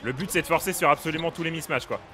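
A young man playing a basketball video game, giving excitable, casual commentary, often shouting at the action and laughing. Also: a little high, racing, faint music behind. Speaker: gaming streamer.

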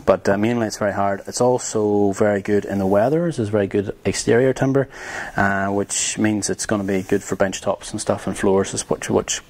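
Young builder, lowish voice, casual rambling demo style with many ums. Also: male voice, steady tone, brisk, a little mellow. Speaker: tiny house builder. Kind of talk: casual hands-on demonstration.

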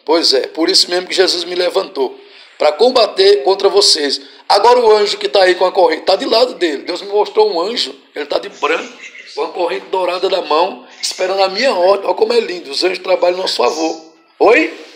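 A Brazilian man, a pastor, leading a deliverance prayer with forceful, repeated commands and sudden shouts. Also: high voice, a little fast, a little hiss or hum. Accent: Brazilian Portuguese.

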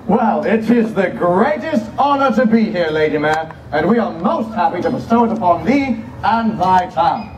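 A man's voice: high-pitched, expressive, moderate pace, few pauses. A man playing an imperious, boisterous Renaissance king at a fair, proclaiming pompously in theatrical olde English on an outdoor stage. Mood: gracious, amused. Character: imperious, boisterous King Henry the Eighth of England. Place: outdoor wooden stage at a fair, far camera. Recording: distant, muffled, echoey outdoor stage, noisy.

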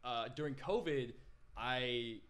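A man's voice: medium pitch, slow, a bit bright. A man in his twenties, a guest telling his story in a casual podcast interview, with many fillers and restarts. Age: 20s. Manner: rambling, lots of fillers and restarts. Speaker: guest videographer. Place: small podcast room. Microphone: desk mic on boom arm.

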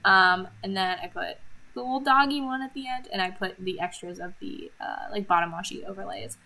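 Bright-voiced woman rambling through a planner. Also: mid-range voice, a little fast, creaky, rough recording. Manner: chatty, giggly, rambling with many ums. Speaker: vlogger. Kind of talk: casual planner voice-over.

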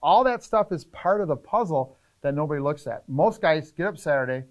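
A middle-aged man, a fishing charter captain, explaining trip planning in casual, energetic interview talk in an indoor tackle shop. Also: a little high. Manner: energetic, gestures a lot, lists points rapidly.

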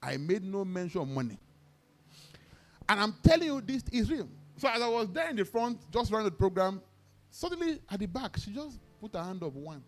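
A man's voice: high voice, very animated, brisk, soft background music. A man with a Nigerian accent, a pastor preaching a sermon, telling stories with acted-out dialogue and leading the congregation in call-and-response declarations. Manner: exclamatory, peppers talk with praise shouts; vivid storytelling, acts out dialogue.

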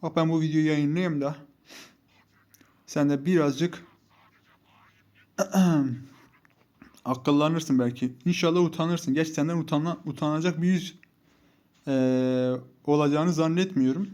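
A man's voice: fairly high pitch, fairly even intonation, a little slow, pauses often, a little mellow. A young man commentating live over his mobile game, heated and mocking as he scolds his teammates. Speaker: gaming YouTuber.

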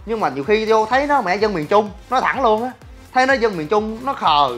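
A man, a gym business owner ranting to his viewers in a blunt, crude and animated way and often asking "right?". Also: high voice, a little fast, soft background music. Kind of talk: casual ranting talk to viewers.

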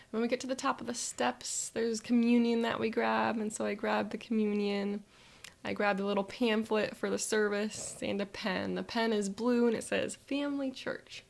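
Woman narrator, guided visualization, flat, fry-heavy delivery, slips into whispers. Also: medium pitch. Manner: soft, reflective, drifting into whispers.

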